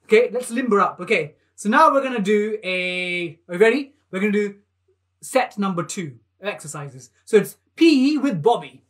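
Energetic man teaching kids maths. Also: sits high, moderate pace. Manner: enthusiastic, animated, coaxing children to join in. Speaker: maths teacher hosting a live online lesson. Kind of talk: energetic live lesson for young children.

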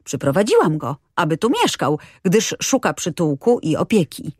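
A woman's voice: lowish voice, huge pitch swings, normal speed, slightly rough, dry recording, clean studio sound, exaggerated voice. A woman reading an audiobook, voicing a cheerful, chatty little girl who talks eagerly.

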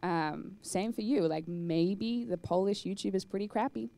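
There's vocal fry in this young woman's mid-range voice as she talks at a moderate pace. She's a conference speaker on a cinema hall stage with a handheld microphone, giving a lively, chatty talk and fielding audience questions, her speech filled with "like" and "um."

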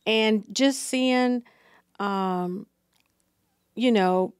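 A middle-aged woman talking as an interview guest in a small studio, unhurried and full of fillers. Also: medium pitch, clear, resonant tone, no room sound. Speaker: district receptionist, guest. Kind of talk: casual interview. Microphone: podcast mic on boom arm.

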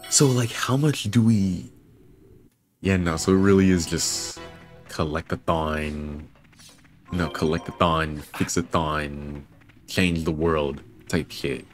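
A man's voice: sits low, takes it slowly, faint music behind. A young man casually commentating a video game playthrough, rambling to himself and swearing freely. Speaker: gaming video creator. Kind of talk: casual let's-play commentary.

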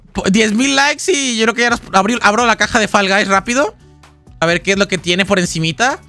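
This gaming livestreamer has a high, creaky voice with a sharp tone. He chats casually in a rambling, jokey way, reading out donations and messages from chat.

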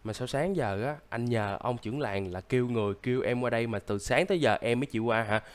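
A man's voice: medium pitch, quick pace, lightly acted. A man voicing a sick young man who acts as a stern, lecturing big brother, coughing now and then, in casual game role-play.

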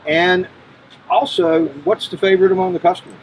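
A man's voice: high voice, steady tone, a little hiss or hum, rough recording. Easygoing middle-aged man host. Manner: easygoing, halting with repeated words. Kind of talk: casual interview. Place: outdoor patio by a brick wall.

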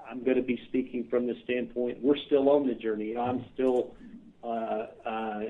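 Midwestern American man, phone-line guest, earnest, halting with fillers. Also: medium pitch. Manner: earnest, many filler uhs. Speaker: clinic CEO guest. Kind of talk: podcast interview answers.

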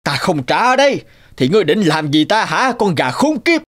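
A man voicing a greedy, cruel old landlord in a cartoon, blustering and shouting. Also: high voice, very animated, moderate pace, heavily acted. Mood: scheming. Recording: cartoon with music behind.

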